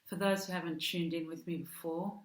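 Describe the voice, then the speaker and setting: A woman's voice: on the low side, fairly even intonation, brisk. A woman with an Australian accent giving a casual monthly tarot reading, hesitant, with frequent ums and restarts. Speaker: tarot card reader. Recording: echoey room.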